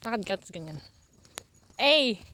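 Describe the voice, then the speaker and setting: A woman with a high, bright voice talks while climbing a forest trail, panting between teasing, laughing remarks. She swears playfully and keeps up a loose, casual banter with her partner. A faint hiss runs under her voice. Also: big pitch swings, normal speed. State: out of breath. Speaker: vlogger hiking with her partner.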